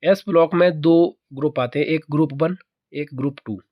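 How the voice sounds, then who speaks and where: A man teaches an exam-prep chemistry lesson in a somewhat high voice. He keeps asking the viewer questions and answering them himself, repeating the key points. The sound is dry and close to the mic. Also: moderate pace, no echo, muffled recording.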